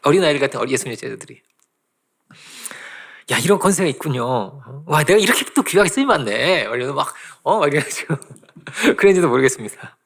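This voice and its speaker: A male pastor delivers a Sunday sermon in a church at a brisk, rushing pace. His voice sits a little high for a man and has a gravelly, fry-edged texture. He tells stories animatedly and acts out the quotes himself. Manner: animated storytelling with laughs and acted-out quotes. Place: church sanctuary.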